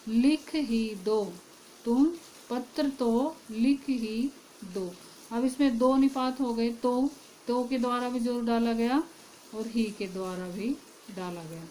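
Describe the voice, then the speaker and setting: A woman's voice: fairly high pitch, dark tone, slight background noise, rough recording. A woman teaching a Hindi grammar lesson, asking her class questions and then answering them herself.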